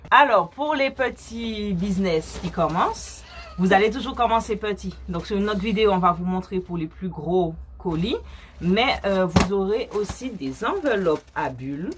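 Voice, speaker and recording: With background noise behind her, a woman from Guadeloupe or Martinique speaks in an animated, medium-pitched voice at a moderate pace. She co-owns a small cosmetics business and is answering questions casually on video, laying out practical advice one step at a time.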